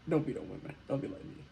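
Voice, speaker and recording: A man's voice: fairly high pitch, vocal fry, dark tone, a little hiss or hum, poor audio. A young man casually telling a storytime vlog in a laid-back, slangy way with joking asides. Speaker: vlogger.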